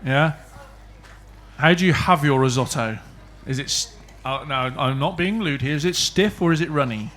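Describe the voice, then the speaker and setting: A man co-presenting a live cookery demonstration as a chef, teasing and joking with the audience in a halting way. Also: on the high side, fairly bright tone. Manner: jokey, teasing, halting restarts. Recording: live event with clear background noise.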